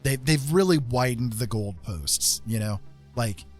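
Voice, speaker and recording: Music plays under a streamer host whose medium-pitched voice is expressive and a little slow. He chats casually and rambles emphatically as he explains, repeating phrases for emphasis.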